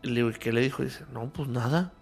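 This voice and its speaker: A man's voice: mid-range voice, fast talker, creaky, breathy edge, faint music behind. A man with a Mexican accent, a podcast guest telling a story in casual conversation and acting out both sides of the dialogue he remembers. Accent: Mexican Spanish.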